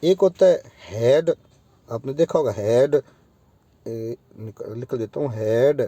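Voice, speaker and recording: A man's voice: medium pitch, animated, mellow, dry recording. A male teacher giving a phonetics lesson, repeating example words one by one and checking in with his students as he goes. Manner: slow and deliberate, repeats words aloud for students; addresses students directly, often checks in with "ठीक है".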